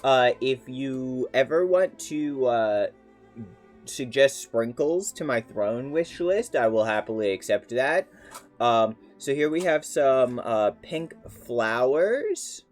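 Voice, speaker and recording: A man's voice: mid-range voice, lively intonation, slow pace, soft background music. A man chatting casually on a live stream, playful and rambling, with many fillers.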